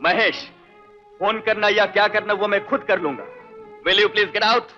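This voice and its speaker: An actor playing a stern, quick-tempered father in a 1960s film, commanding in tone. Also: high voice, sharp tone, soft background music. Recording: muffled old film soundtrack.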